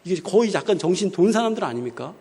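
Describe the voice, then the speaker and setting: A man's voice: sits high, big pitch swings, fast, a little mellow, slightly rough. A male preacher giving a conversational sermon and often asking the congregation rhetorical questions. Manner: asks the crowd rhetorical questions, colloquial. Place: church hall. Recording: long echo of a church hall.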